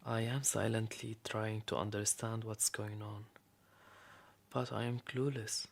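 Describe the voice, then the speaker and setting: An actor voices a weary, imprisoned storyteller narrating a radio play, his delivery measured and grave. The male voice is creaky and on the low side, holding a level tone. The mood is somber throughout.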